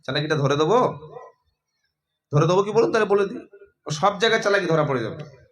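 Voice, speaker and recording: A man preaching a sermon to a crowd, lively and calling on listeners to answer back. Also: sits high, a little fast, low-quality recording. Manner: lively, addressing the crowd and asking them to respond.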